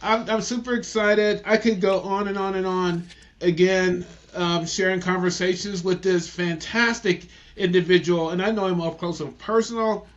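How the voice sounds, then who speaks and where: Man, podcast host, high voice, enthusiastic, slightly dull recording. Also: steady tone, normal speed. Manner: enthusiastic, addresses listeners as folks. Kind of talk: casual interview.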